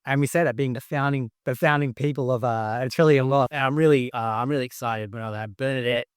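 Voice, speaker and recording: A man's voice: medium pitch, a little fast, clear, resonant tone, dry recording, clean studio sound. A man, co-hosting a podcast in casual, enthusiastic chat with many fillers and restarts. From Australia. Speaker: podcast host, company co-founder.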